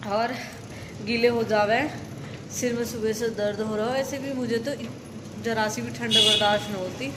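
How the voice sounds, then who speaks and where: A woman's voice: fairly high pitch, steady tone, normal speed. Chatty young woman over street noise. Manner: complaining, chatty, scolding. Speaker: vlogger. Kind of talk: casual home vlog chat. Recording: noisy outdoor phone recording.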